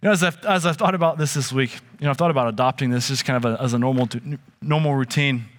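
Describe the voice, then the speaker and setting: A man's voice: medium pitch, fast. A man preaching a sermon, earnest and conversational, often restarting his phrases. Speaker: pastor. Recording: long hall reverb.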